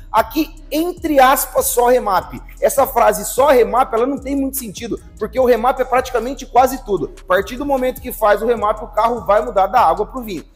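A man in his thirties with a Brazilian accent, hosting to camera in a garage workshop, talking with energetic, slang-filled salesmanship. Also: very high-pitched. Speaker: host, tuning shop owner. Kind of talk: casual presenting to camera. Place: large echoing garage workshop indoors. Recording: reverberant workshop with background music.

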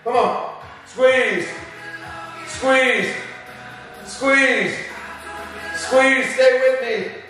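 A man's voice: very high-pitched, drawn-out words, pauses often, music in the background. A middle-aged man coaching a workout as he exercises, giving rallying pep-talk cheers in short urging commands, recorded in a home gym. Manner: exerting himself while talking. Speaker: fitness coach. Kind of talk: live workout instruction with counting. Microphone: camera several metres away. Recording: very echoey room, far from mic.

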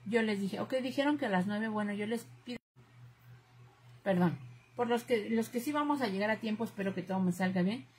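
A woman's voice: mid-range voice, darkish tone, slightly rough, low-quality recording. Outspoken Mexican woman chatting to viewers. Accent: Mexican Spanish. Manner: chatty, outspoken, keeps saying "chicas". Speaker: crafts channel host. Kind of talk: casual chat to viewers.

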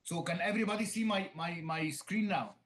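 A man's voice: high voice, fairly quick, a bit bright. Man, Egyptian Arabic accent, native Arabic speaker, online English teacher, video call, uses many fillers. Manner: explains, then repeats in Arabic, many fillers. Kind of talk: online lecture.

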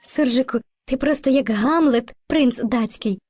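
A woman voicing a kind, patient female spirit of language who teaches children, gently coaxing them with endearments in an educational cartoon. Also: high-pitched, unhurried, slight background noise. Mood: gentle.

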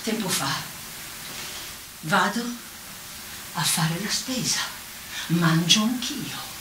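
A woman's voice: on the low side, drawn-out words, noisy background. A woman voicing a clumsy, exasperated old cartoon witch in a comic stage monologue, exclaiming and laughing as she talks. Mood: chatty. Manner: animated, exclamatory, laughs while talking. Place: outdoor town square stage. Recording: echoey, from far off, faint ambience.

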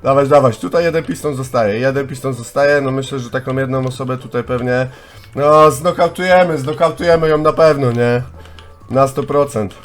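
A man in his twenties, a gaming YouTuber, giving chatty, excitable live commentary on a contest and talking straight to his viewers. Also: mid-range voice, normal speed, faint music behind. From Poland. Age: 20s.

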